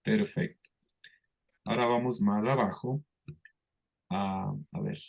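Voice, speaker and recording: Unhurried male teacher on an online class, drills pronunciation patiently. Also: fairly low pitch, gravelly. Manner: patient, repeats words slowly for students. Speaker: English teacher.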